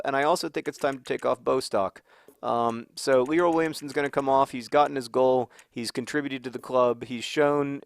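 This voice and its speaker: A man's voice: medium pitch, a little hiss or hum. A man hosting a gaming video, chatting casually and rambling with joking asides while he plays.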